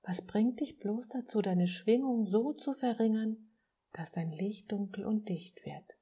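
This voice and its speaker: A woman's voice: mid-range voice, a little slow, mellow, breathy edge. A woman voicing a small, childlike soul who is eager and restless in a storybook reading.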